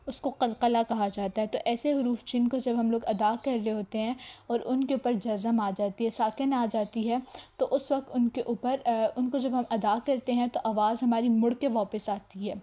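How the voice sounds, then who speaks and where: A woman teaching tajweed in a recorded online lesson, explaining step by step, checking in often, and sounding out single letters slowly for practice. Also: fairly high pitch, mellow. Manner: explains step by step and checks in with "theek hai" between points.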